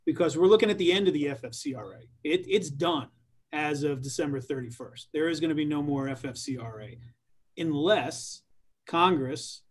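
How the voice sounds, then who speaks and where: A man's voice: fairly high pitch, normal speed. A man giving an informal legal briefing as a panelist, conversational and often rephrasing himself. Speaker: employment lawyer, webinar panelist.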